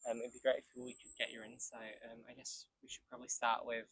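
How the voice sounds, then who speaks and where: A man's voice: medium pitch, fast, slight background noise. A man who works in a university international office, hosting a casual student interview with frequent ums. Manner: relaxed, many ums and kind ofs. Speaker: international office staff host.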